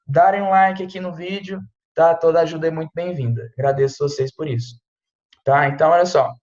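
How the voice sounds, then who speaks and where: A man's voice: on the high side, steady tone, a little fast, darkish tone. Guy giving a chill french lesson, keeps going tá? né?, kinda echoey room and dull sound. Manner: chatty, peppers speech with "tá?" and "né?". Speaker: French teacher. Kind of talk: casual online language lesson.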